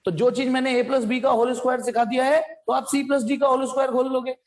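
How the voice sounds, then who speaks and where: A man's voice: extremely high pitch, level tone, quick pace, low-quality recording. A man teaching physics in a live online class, quizzing his students, calling them child and adding playful sound effects.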